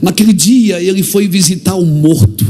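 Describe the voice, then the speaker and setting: A man with a Brazilian Portuguese accent preaching an impassioned church sermon, acting out little dialogues and building to shouted climaxes. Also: high voice, expressive, unhurried.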